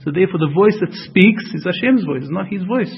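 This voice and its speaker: A man's voice: sits high, animated, fairly quick, gravelly, muffled recording, a little hiss or hum. A man giving a Torah class, explaining with repeated phrases and rhetorical questions and mixing Hebrew terms into his English. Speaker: Torah teacher.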